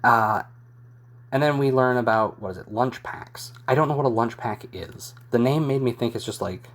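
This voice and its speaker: A man hosting his own channel, giving a rambling, amused, casual spoken recap of anime episodes with frequent soft chuckles. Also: mid-range voice, normal speed. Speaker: YouTube host reviewing an anime.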